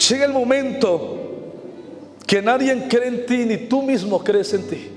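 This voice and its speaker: Male evangelist with a Mexican Spanish accent, very high voice, intense sermon delivery over soft music. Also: measured pace. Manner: impassioned preaching, quoting voices in his story. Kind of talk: sermon testimony. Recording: hall reverb, faint music behind.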